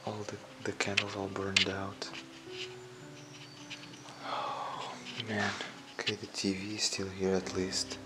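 A man quietly commenting as he explores a dark abandoned house, half-whispering at times, recorded on a handheld camera. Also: low-pitched, monotone, slow, long pauses, heavy background noise. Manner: hushed, half-whispered remarks. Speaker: urban explorer.

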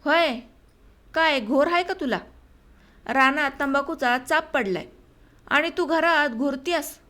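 A woman's voice: high-pitched, measured pace. A woman voicing an angry, worried village farmer who scolds his wife, in an audiobook story reading. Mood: angry scolding. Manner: scolding, sharp-tongued.

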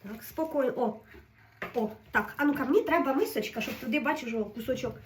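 Woman, high voice, nervous self-soothing kitchen commentary, set back from the phone mic, faint hiss behind. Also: brisk, recorded from a distance. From Ukraine. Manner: fretful, keeps telling herself to stay calm. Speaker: home cook vlogger. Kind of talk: casual running commentary while cooking.

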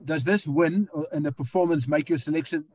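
A man working as a reporter, asking a coach questions in a halting, hesitant way. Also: on the high side, background noise. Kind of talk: press conference question.

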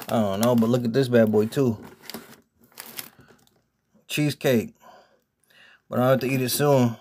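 A man chatting casually in a vlog, showing off his groceries in relaxed slang. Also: medium pitch, a little hiss or hum. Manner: laid-back slangy talk, showing off groceries. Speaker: vlogger.

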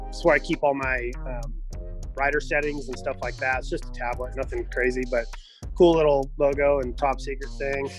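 A man, a bike race mechanic, chatting in a relaxed, joking way about his tools. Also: medium pitch, moderate pace, soft background music. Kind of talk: casual chat.

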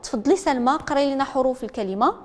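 A woman's voice: sits high, lively intonation, very fast. A woman with a Moroccan Arabic accent teaching a literacy class, drilling pupils to repeat after her. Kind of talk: classroom lesson. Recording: echoey classroom with long reverb.

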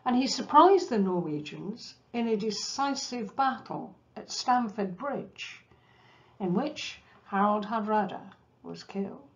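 A woman giving a history lecture, telling the story in a measured way with asides to her listeners. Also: medium pitch, expressive, dull audio. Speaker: cruise ship enrichment lecturer. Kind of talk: history lecture over slides.

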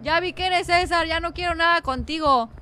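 A young Mexican-accented woman streams a game with high-pitched, bright, piercing energy. She talks dramatically and panics easily, often yelling at the screen. Her commentary is casual and theatrical. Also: moderate pace, soft background music. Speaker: gaming streamer. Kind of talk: live gameplay commentary.

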